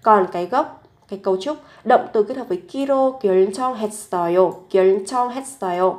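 A young adult woman gives a patient language lesson. She explains grammar points step by step and repeats each example sentence slowly so learners can follow. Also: mid-range voice, darkish tone. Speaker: Korean language teacher.

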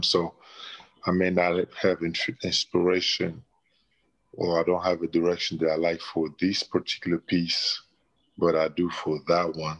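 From a small plain room, a middle-aged man from the DR Congo answers interview questions with care, often restarting; he is a painter and former basketball player. His deep voice is a bit bright, and the recording is rough.

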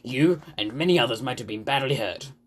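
A man's voice: mid-range voice, expressive, slight background noise, close to an everyday voice. Formal, dignified old railway boss, read by a man. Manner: measured, formal, pausing for effect.

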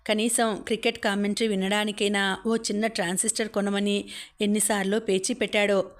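Flat-toned woman narrating a story. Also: mid-range voice. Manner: even, steady reading, voicing characters' lines within the story. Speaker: audiobook narrator.

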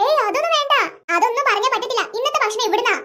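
Woman doing a bossy scolding cartoon mum, quick and bright. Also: very high-pitched, voice pushed down. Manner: scolding, hurrying.

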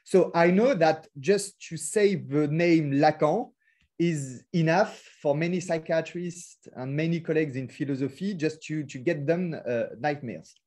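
A man's voice: on the high side, measured pace, a little mellow. French-accented man giving a hesitant lecture. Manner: frequent hesitations and fillers; careful non-native phrasing. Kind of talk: academic webinar talk. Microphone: video call.

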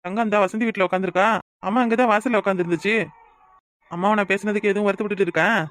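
A woman with a southern Tamil accent from Kanyakumari voicing a short-tempered middle-aged village husband in a cartoon. He is gruff and barks orders. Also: mid-range voice, steady tone, rapid-fire, slight background noise, close to an everyday voice. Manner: gruff and demanding, snaps orders. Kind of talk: cartoon voice acting.

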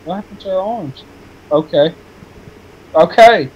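A man's voice: high-pitched, expressive, unhurried, lo-fi sound, over a noisy crowd. A man co-playing a let's play, firing off crude, goofy running gags at his friend. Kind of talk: casual gaming banter.

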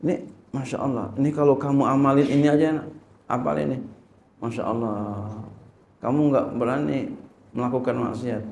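A man's voice: mid-range voice, steady tone, normal speed, creaky, long pauses, a little mellow, echoey room, a little hiss or hum. A male Islamic teacher teaching a religious lesson. He reads Arabic text, translates it and asks rhetorical questions.

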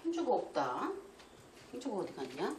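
A woman's voice: on the low side, wildly swooping pitch, moderate pace. An older woman as a mother-in-law, scolding and complaining in a heated family argument. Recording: echoey room with faint noise.

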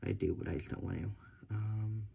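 A vlogger in his twenties rambles to his camera while setting up a home gym, full of fillers and casual swearing. He's indoors in a small gym and room lit with colored lights, with clicks and clear room noise audible. His voice is lowish and steady, a little fast, with the highs cut off.

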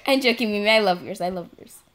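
A woman's voice: mid-range voice, fast, fairly bright tone. A woman hosting a casual, playful let's-play chat, giggling often as she talks. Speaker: gaming channel host.

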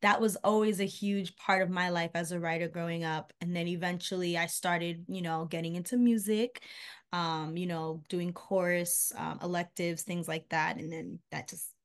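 On a webcam video call from a room in her home, a young Haitian recording artist speaks in a lowish, steady voice at normal speed. The casual interview chat is full of fillers and trailing asides.

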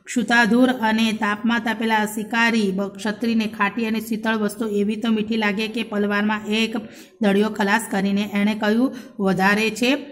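A woman reading a folk story aloud slowly and evenly. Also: flat delivery. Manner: slow, unhurried reading with little pitch movement. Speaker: reader of a Gujarati story lesson.

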